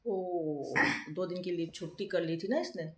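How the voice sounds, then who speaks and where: A woman's voice: on the low side, unhurried, mellow, reverberant. A woman who is a mother and vlogger, chatting casually at home while unwell with a fever. She tells a long story and often breaks into laughter. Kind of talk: casual home vlog chat.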